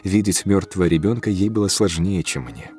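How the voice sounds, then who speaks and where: A man narrating a story in a calm, measured audiobook reading. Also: low-pitched, soft background music. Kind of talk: scripted first-person narration.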